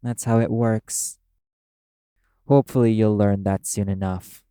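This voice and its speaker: In a dramatic audio roleplay addressed to the listener, a man plays a brash, cynical male demon who speaks bluntly and scornfully, with a cynical, dismissive mood. His voice is fairly low and fairly even in intonation, unhurried and lightly acted.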